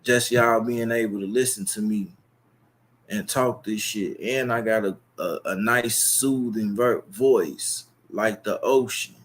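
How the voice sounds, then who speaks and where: Taking it slowly in a lowish voice, a young Chicago-accented YouTube streamer rambles directly to his viewers. His monologue runs long and is full of bragging and profanity.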